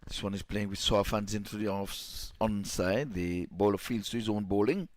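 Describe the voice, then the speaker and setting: A man calling a live cricket match as commentator, his voice climbing high and loud when a catch or wicket comes. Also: moderate pace, no echo. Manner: rises sharply in pitch and volume at big moments.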